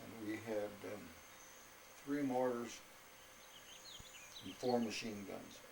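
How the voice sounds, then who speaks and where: A man in his eighties, an old military veteran recalling his service in an interview in a halting, unhurried way. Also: lowish voice, vocal fry. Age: 80s. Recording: echoey room with faint noise.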